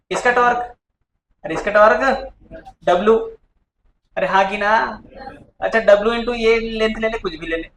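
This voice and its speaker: A man's voice: high voice, a bit bright. Echoey male physics teacher in class. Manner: coaxing, keeps asking the class questions. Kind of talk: classroom lecture. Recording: echoey classroom with faint noise.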